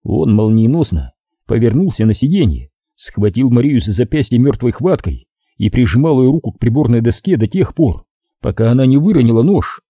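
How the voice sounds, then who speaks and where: Dark husky guy reading a thriller audiobook, lively pitch, dry close mic. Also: normal speed, no room sound. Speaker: audiobook narrator. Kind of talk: scripted thriller narration.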